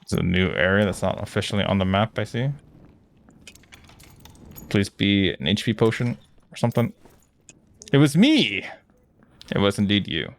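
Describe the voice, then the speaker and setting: A man streaming a horror game, chatting live, easily scared and quick to swear. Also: on the low side, gravelly. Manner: swears freely.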